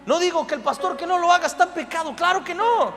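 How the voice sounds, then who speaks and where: High-voiced preaching man with a Mexican accent. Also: fast talker. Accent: Mexican Spanish. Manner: swings from quiet intimate talk to loud shouting. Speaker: pastor. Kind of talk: sermon. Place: church hall. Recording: long church reverb with music underneath.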